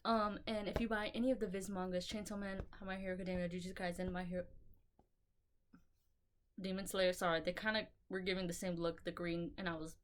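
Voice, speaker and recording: Rambling, excitable young woman. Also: on the low side, fairly quick. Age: young adult. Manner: rambling, excitable, swears casually. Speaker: vlogger showing her manga collection. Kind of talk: casual chat to camera. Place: bedroom.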